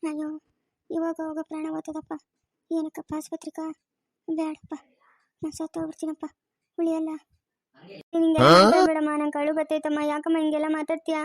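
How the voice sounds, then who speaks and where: A woman's voice: sits high, level tone, fairly quick, long pauses, mellow, no echo, close to an everyday voice. A woman voicing an exhausted, bitter old village mother who complains and pities herself in a cartoon story. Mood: weary, self-pitying. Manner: complaining, self-pitying. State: exhausted, sore-throated. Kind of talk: cartoon voice acting.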